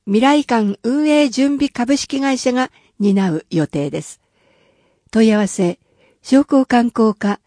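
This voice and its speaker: A woman reading official city announcements in a careful, even and formal manner. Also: fairly high pitch, no echo, clean studio sound. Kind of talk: scripted reading of public announcements.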